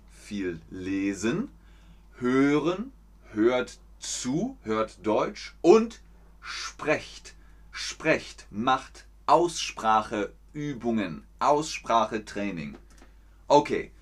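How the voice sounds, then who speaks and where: A man teaching German in a livestream, speaking slowly and clearly with playful high jumps in his voice. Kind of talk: livestreamed language lesson.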